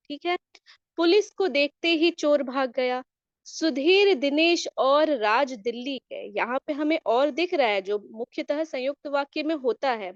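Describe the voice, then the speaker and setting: A woman's voice: sits high, no echo, muffled recording. A woman teacher going through an exam answer key, explaining each question step by step and often checking in with listeners. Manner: explanatory, often adds "theek hai" checks.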